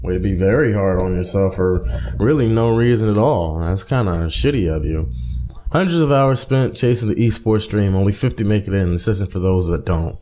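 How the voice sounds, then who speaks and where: A man with a lowish, warm voice hosts a casual let's play at a moderate pace, reading visual novel text aloud. Between passages he drops informal, slangy asides, as a gaming video host would. Music plays behind him throughout.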